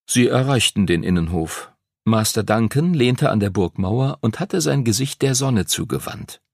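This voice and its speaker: A man narrating an audiobook in an expressive storytelling manner, close to the mic. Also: fairly low pitch, moderate pace, vocal fry, no room sound.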